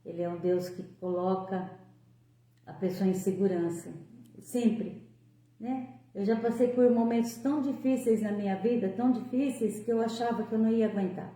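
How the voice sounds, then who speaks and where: Woman in her sixties, fervent devotional talk, warm mellow tone, very echoey room. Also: mid-range voice, moderate pace. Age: 60s. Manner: emotional, fervent, rising on praise.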